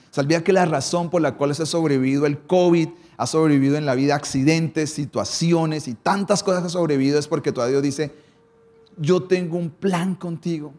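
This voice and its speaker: A man's voice: on the high side, a little mellow. A man, preaching a morning sermon as a pastor, asking rhetorical questions and shifting his pace and emphasis.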